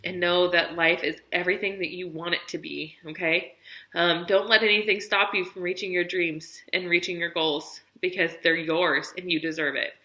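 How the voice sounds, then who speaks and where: A woman's voice: lowish voice, steady tone, moderate pace, bright, forceful tone, reverberant, rough recording. A woman in her thirties telling her personal story in a vlog, earnest and encouraging, tired and near tears at times. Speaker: vlogger sharing her weight-loss business story.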